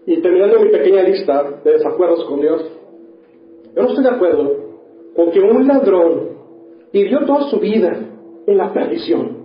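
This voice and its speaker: A man's voice: high voice, lively intonation, normal speed, long pauses. A man preaching a sermon in a church hall, firing off rhetorical questions and working up to mock indignation. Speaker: pastor. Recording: echoey room, dull lo-fi sound.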